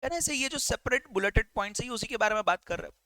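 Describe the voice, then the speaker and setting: A male teacher with a high, bright voice that swings widely as he lectures. He checks in with his listeners often, asking whether they follow. It is recorded close and dry, with no room sound. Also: dry recording, low-quality recording. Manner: animated, keeps checking understanding with quick questions.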